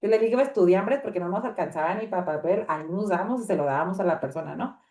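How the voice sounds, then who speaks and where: A woman's voice: medium pitch, fast talker, far from the mic. Woman telling a roomy testimony. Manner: animated storytelling, acting out dialogue, frequent fillers. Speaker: women's ministry speaker. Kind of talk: personal faith testimony. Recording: roomy echo.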